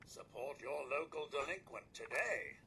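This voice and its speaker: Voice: mid-range voice, expressive, normal speed, pushed and bright. A far-off looped lemonade vendor call. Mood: hawking. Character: street vendor hawking lemonade on a loop. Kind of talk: repeated sales pitch.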